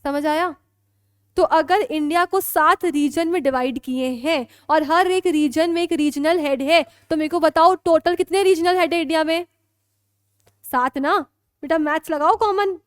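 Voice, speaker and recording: An Indian woman lecturing on law with a very high voice. She moves between Hindi and English and keeps asking whether her students are clear. The sound is dry and close, with no room echo. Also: measured pace. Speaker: law teacher. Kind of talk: classroom lecture.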